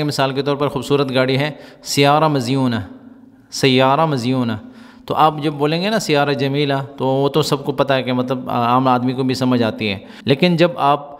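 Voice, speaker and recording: A man teaching Gulf Arabic vocabulary in Urdu, repeating each word slowly for practice. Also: medium pitch, in a large hall. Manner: repeats words slowly for drill.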